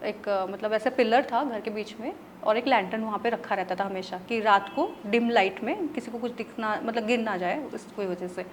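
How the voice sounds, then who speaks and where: A woman's voice: a little high, normal speed, hardly any pauses, slight background noise. A woman from Odisha, a tarot reader and interview guest, tells a story in a chatty way, mixing in English words and checking in with her listener. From Odisha, India.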